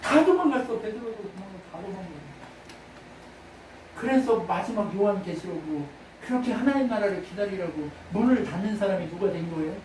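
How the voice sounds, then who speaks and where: Preacher, sermon delivery, call-and-response questions, sudden loud bursts; distant, roomy church sound. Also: mid-range voice, fairly quick, slight background noise. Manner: fires rhetorical questions at the congregation. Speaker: pastor. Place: church sanctuary.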